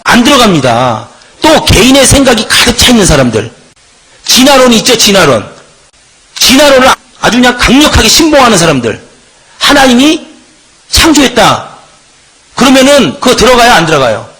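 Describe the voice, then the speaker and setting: A middle-aged man teaches scripture in an emphatic lecturing manner. His husky voice sits high, and he keeps putting rhetorical questions to the class. His pitch swings widely as he drives each point home. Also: big pitch swings, fairly quick, a bit bright, rough recording. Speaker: Bible teacher. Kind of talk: Bible lecture.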